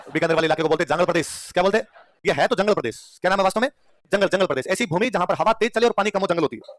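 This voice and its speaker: A man racing through an exam revision lecture at a breakneck pace, with a high voice for a man. He quizzes the class without pause, repeating each question and laughing between points. The sound is dry and close. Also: no room sound. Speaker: history teacher.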